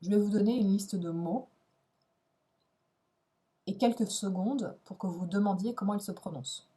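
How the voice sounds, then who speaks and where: Woman teaching, clear and encouraging. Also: medium pitch, normal speed, dark tone. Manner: clear, encouraging, stresses key words. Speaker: English teacher. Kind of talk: instructional video lesson.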